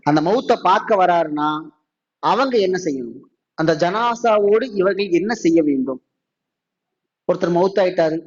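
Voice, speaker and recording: Tamil preacher guy, high voice, keeps asking the crowd questions, kinda dull lo-fi sound. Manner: rhetorical questions, slows down for Arabic quotes. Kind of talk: mosque sermon.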